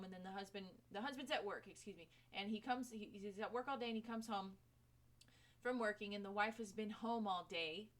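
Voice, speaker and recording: A woman's voice: mid-range voice, a bit bright. A woman giving a casual tarot reading, speaking frankly to the viewer and swearing freely. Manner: chatty, talks to viewer directly. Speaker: tarot reader.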